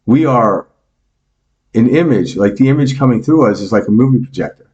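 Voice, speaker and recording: A New York-born meditation teacher in his fifties guests on a podcast, chatting casually, joking, and explaining ideas through homely examples in his New York accent. His medium-pitched voice is expressive, brisk, and darkish, with the highs cut off in this casual interview.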